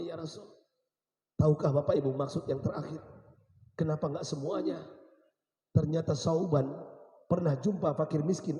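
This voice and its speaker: A man delivers a sermon, pressing his congregation with the same rhetorical question again and again. His voice sits high but sounds dark and mellow. A long reverb trails behind every line in the big mosque hall. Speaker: preacher.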